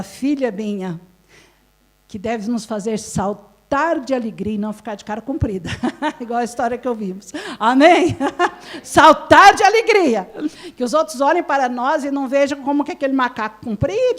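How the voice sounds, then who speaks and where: A Brazilian-accented woman preaching at a women's conference, her voice sitting high. She keeps the audience involved with questions and frequent light laughter. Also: normal speed. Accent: Brazilian Portuguese. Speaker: pastor. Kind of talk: interactive sermon at a women's conference. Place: live conference hall.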